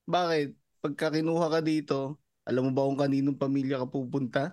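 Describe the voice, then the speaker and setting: A man's voice: medium pitch, little pitch movement, fairly quick, darkish tone, no echo, clean studio sound. A man co-hosting a podcast, joking and teasing in casual chat. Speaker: podcast co-host.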